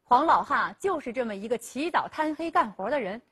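A woman host narrates a rural tale in a bright, high voice that leaps up and down expressively. She lingers on pauses and slips into the characters' voices as she goes. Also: breathy edge. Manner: lively storytelling, acting out dialogue with drawn-out 啊 pauses. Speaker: host and storyteller of a legal program. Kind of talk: dramatic storytelling lecture.

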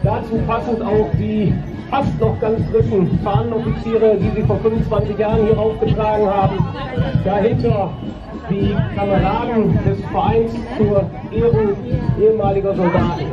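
A man's voice: sits high, little pitch movement, moderate pace, over loud music. A man announcing the marching groups of a parade outdoors, in a formal, welcoming way. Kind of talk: live event announcing. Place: outdoors at a crowded street parade. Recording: dull lo-fi with loud crowd and band.

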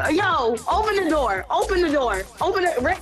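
High-voiced playful woman gamer. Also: fairly bright tone. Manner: playful, bossy, joking. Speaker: game player. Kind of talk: casual gaming chat.

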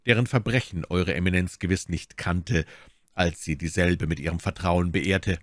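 A man voicing a bold young male musketeer in an audiobook, speaking with a steady, respectful composure. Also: deep voice, normal speed, no room sound, lightly acted. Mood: calm, defiant. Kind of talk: audiobook character voice.

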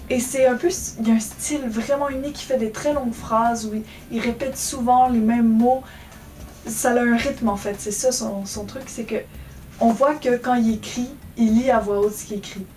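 A woman's voice: a little high, normal speed, darkish tone, recorded from a distance, slight background noise. Chatty young woman with an English accent. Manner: chatty, self-mocking, with fillers. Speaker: book vlogger. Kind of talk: casual book tag chat. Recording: from the mic, faint music behind. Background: faint background music.

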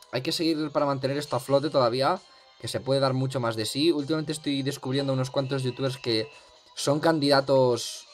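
Chatty young gaming commentator. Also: male voice, medium pitch. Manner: rambling, chatty, lots of fillers. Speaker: gaming youtuber. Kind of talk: casual gameplay commentary.

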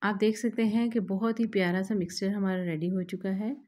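A woman host, calmly explaining a recipe step by step to her viewers in a voice-over. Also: mid-range voice, fairly quick, noisy background. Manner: calm, instructive, addresses viewers directly. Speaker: cooking channel host.

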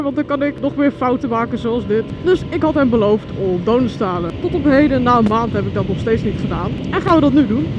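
A woman motovlogging while riding through city traffic, chatty and excitable, talking to her viewers. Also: on the high side. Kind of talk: casual chat while riding. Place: outdoors in city traffic on a scooter. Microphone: helmet mic. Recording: dull lo-fi helmet audio with music. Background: music.

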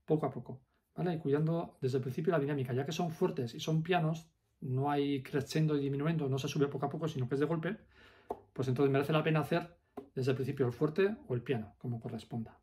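Patient man teaching accordion, slightly high voice. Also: a little fast, a little mellow. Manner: patient, explains bar by bar, counts beats aloud. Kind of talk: step-by-step music lesson.

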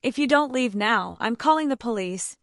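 A woman voicing a protective female friend in a narrated story, low, calm and firm. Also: normal speed, no echo, studio quality.

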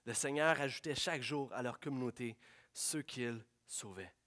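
A man preaching a sermon, swinging from hushed prayerful lines to loud, excited storytelling. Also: medium pitch, normal speed. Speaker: pastor.

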